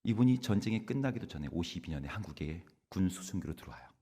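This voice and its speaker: A low, slightly husky man preaches from the pulpit, his pitch swinging widely as he tells his story. The church hall around him rings with a long reverb. He acts out each person in his stories as he goes. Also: quick pace. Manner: animated storytelling, acting out the people in his stories. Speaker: pastor. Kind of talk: sermon. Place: church sanctuary.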